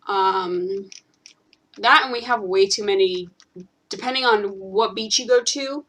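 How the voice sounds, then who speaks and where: A woman's voice: mid-range voice, a little slow, a bit bright. A young woman from California chatting casually while gaming, rambling with many ums and restarts. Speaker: channel host.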